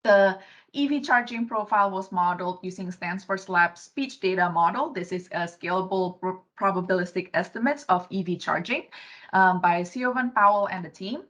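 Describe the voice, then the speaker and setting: A soft-spoken Indonesian woman in her thirties, a graduate student intern, gives a virtual poster presentation of her research over a video call, full of fillers and restarts. Her pitch is medium and her speed normal. The computer mic produces dull, lo-fi call audio.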